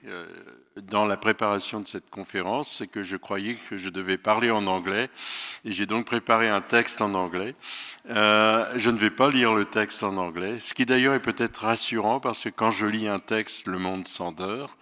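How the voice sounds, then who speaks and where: An older man gives a talk in an auditorium, his low but bright voice ringing through a long reverberation. He hesitates often and searches for his words, with a touch of dry irony. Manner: thoughtful, hesitant with frequent fillers, wry humor. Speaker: guest lecturer. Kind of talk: public lecture, paraphrased from notes.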